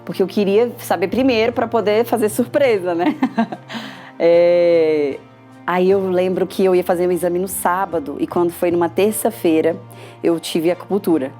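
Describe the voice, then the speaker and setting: A woman's voice: fairly low pitch, normal speed, soft background music. Emotional Brazilian woman telling her story. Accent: Brazilian Portuguese. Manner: emotional, lively retelling with quoted dialogue. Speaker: patient giving a testimonial. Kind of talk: personal testimonial storytelling.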